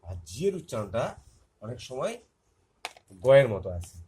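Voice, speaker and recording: A man's voice: medium pitch, very animated, moderate pace, dark tone, a little hiss or hum. A man with a Bengali accent teaching a phonics lesson to young children, spelling words letter by letter and repeating them.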